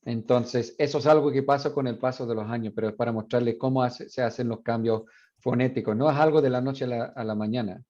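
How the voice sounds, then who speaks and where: A university teacher explaining sound changes in a bilingual classroom lecture, mixing in English asides with frequent fillers. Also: male voice, medium pitch, steady tone, quick pace, darkish tone, lo-fi sound. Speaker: university Spanish phonetics teacher.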